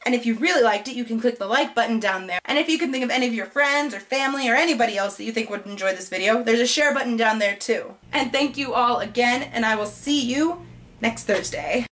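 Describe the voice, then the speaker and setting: Bubbly, excitable woman vlogger. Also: fairly high pitch, fast talker, a little hiss or hum. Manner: bubbly, excitable, self-mocking. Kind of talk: casual storytelling to camera.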